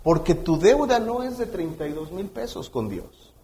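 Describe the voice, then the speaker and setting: A man's voice: high voice, big pitch swings, normal speed, dark tone, low-quality recording. A man with a Mexican accent preaching a sermon as pastor, talking conversationally and acting out scenes.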